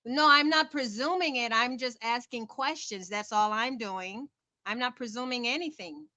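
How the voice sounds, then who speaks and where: A woman's voice: fairly high pitch, moderate pace, pushed and bright, no echo. A woman calling in to an informal panel, asking questions and insistently repeating her points. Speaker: panel caller.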